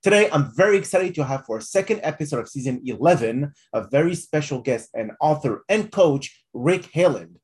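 A man hosting his own podcast, introducing himself and asking a guest questions in a measured, encouraging way. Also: fairly high pitch, animated, a little mellow. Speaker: podcast host, psychotherapist.

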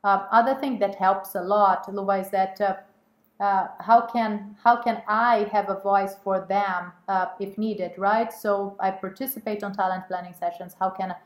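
A woman guest who co-chairs a women's network talks casually in an interview, hesitating, using many fillers and often stopping to restart. Her medium-pitched voice is steady at normal speed, and the room sounds echoey.

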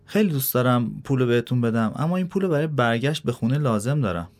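A man voicing an eager, unsure young employee in a spoken story, speaking quickly and a bit pleadingly. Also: medium pitch, expressive, a little mellow, lightly acted. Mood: hesitant.

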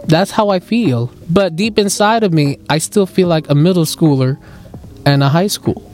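A man's voice: a little high, normal speed, darkish tone, faint music behind. A man around thirty hosting a casual podcast chat, teasing his friends and swearing freely. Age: 30s. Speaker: podcast host.

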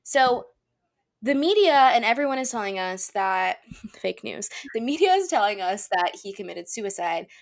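A woman's voice: medium pitch, sing-song, normal speed, vocal fry. A woman in her twenties co-hosting a podcast in casual chat, reading out news with sarcastic asides. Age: 20s. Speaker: podcast co-host.

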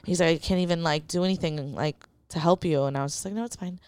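A woman's voice: low voice, quick pace, darkish tone, clear, resonant tone, dry recording. A young woman as a podcast guest, telling a personal story in casual chat, rambling with lots of "like" and quoting herself.

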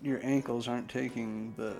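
Gravelly-voiced man in rambling casual chat. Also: mid-range voice, little pitch movement, normal speed, darkish tone, faint music behind. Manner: rambling, loose, with lots of "like" and swearing. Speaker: podcast co-host.

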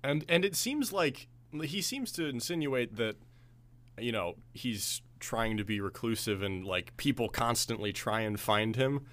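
A man's voice: medium pitch, animated, unhurried, fairly bright tone. A young man co-hosting a casual podcast, dropping dry, wry asides as he discusses an episode. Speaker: podcast co-host. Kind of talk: casual chat reviewing an audio drama episode.

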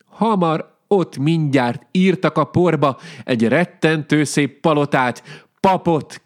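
A man telling a folk tale to listeners, lively and speaking to them directly. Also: fairly high pitch. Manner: animated, addresses listeners directly. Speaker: storyteller.

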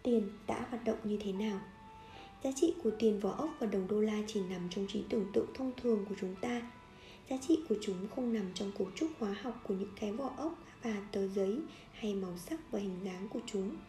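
A woman reading a nonfiction book aloud in a steady, measured way, now and then correcting a slip. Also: medium pitch, reverberant, soft background music. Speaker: audiobook reader.

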